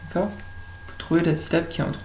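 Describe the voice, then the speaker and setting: A French woman teaching young children at home, speaking slowly and stretching out words so they can follow. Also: on the low side, fairly even intonation, darkish tone, a little hiss or hum, poor audio. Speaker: kindergarten teacher.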